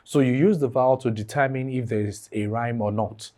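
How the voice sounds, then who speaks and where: A man's voice: mid-range voice, brisk, warm tone. A man teaching an online exam-prep lesson, repeating key phrases and asking the class fill-in questions.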